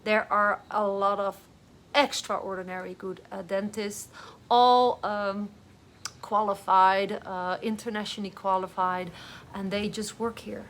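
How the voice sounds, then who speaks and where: A woman's voice: mid-range voice, steady tone, unhurried, a bit bright, a little hiss or hum. Groggy woman chatting on a live stream. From Netherlands. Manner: chatty, rambling, with many fillers. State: groggy on painkillers after dental work. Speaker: vlogger and online business coach. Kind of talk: casual live-stream talk. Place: home, with dogs nearby.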